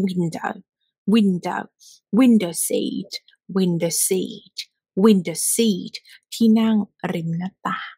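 A woman's voice: medium pitch, very slow, mellow, slightly rough, no echo. A woman teaching English pronunciation, repeating phrases over and over, often half-whispered, and teasing her students directly.

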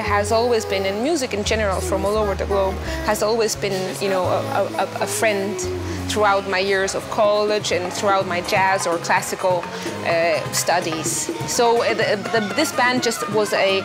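A Greek-accented woman in her thirties, a musician, answers interview questions thoughtfully in a dim indoor restaurant or bar with soft music underneath. Her mid-range voice stays fairly even at a normal speed, and she uses many fillers and restarts.

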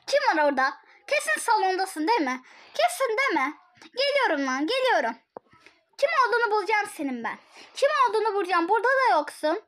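A woman's voice: very high voice, very animated, fast, fairly bright tone. A young woman searching her home in a panic, talking frantically and close to tears. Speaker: prank target. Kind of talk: casual vlog.

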